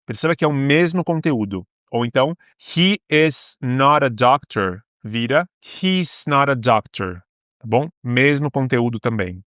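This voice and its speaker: A man with a Brazilian Portuguese accent giving a beginner English lesson, explaining patiently step by step and slowing down on the English words. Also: mid-range voice, a bit bright, no room sound, studio quality. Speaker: English teacher.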